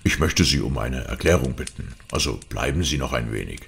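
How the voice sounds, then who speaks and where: Man playing a menacing villain, deep gravelly voice, slow threats. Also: lively intonation, a bit bright, full character voice.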